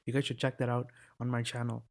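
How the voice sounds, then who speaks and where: Fast and level in a mid-range voice, a teenage boy rambles through a casual vlog indoors at his laptop, talking into a desk mic. He keeps interrupting himself and swears now and then.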